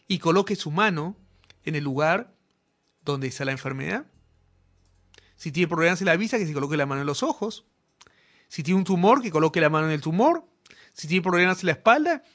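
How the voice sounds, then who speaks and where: This healing evangelist has a high-sitting, slightly bright voice. He preaches a healing sermon directly to viewers, issuing fervent, commanding proclamations.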